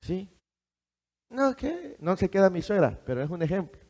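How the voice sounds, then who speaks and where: A man's voice: high-pitched, sing-song, moderate pace, a little mellow. A man preaching a sermon, emphatic and full of rhetorical questions to his congregation in a church hall. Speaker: pastor. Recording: long hall reverb.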